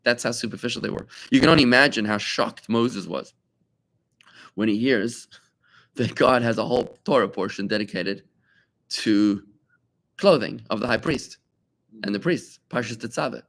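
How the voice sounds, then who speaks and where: A male rabbi leading a Talmud study class in a room with his students. His voice sits in an ordinary middle pitch. He talks in an animated way, firing off rhetorical questions and repeating key points to drive them home. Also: normal speed, pauses often. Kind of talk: lively classroom teaching.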